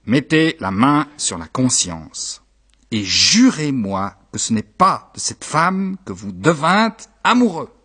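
Man playing a dry gentleman master, measured, lower and softer, husky. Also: very animated, full character voice. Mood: probing.

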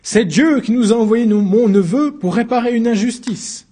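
A man's voice: very high voice, normal speed, slightly rough, pitched above the performer's own voice. A man voicing a triumphant uncle crying out that a miracle has happened. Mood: exultant. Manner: loud, exultant. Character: triumphant old uncle, exclaiming.

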